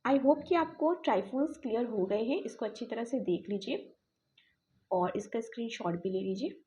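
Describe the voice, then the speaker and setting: A woman's voice: on the high side, moderate pace, dark tone. A woman teaching a shorthand class, spelling words out letter by letter and checking in often with her students. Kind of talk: online class explanation.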